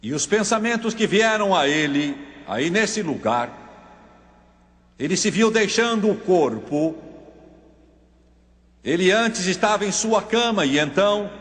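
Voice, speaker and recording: A man delivers a dramatic sermon at a very slow, deliberate pace, his voice sitting a little high. He tells his story solemnly and presses each point home. A long reverb trails his words. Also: animated, a bit bright. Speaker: preacher.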